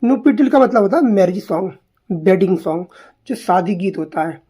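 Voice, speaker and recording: A woman's voice: medium pitch, animated, fairly quick, warm tone, slightly rough. A woman teaching literary terms for an exam, asking questions and answering them herself, repeating each term. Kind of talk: exam-prep literature lesson in Hindi-English mix.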